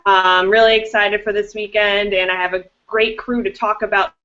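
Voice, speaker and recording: A woman hosts a casual live-streamed podcast, introducing her guests in a chatty, upbeat way. Her voice sounds bright and forceful. It comes through a dull, lo-fi video call. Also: mid-range voice, steady tone, moderate pace. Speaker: podcast host and director.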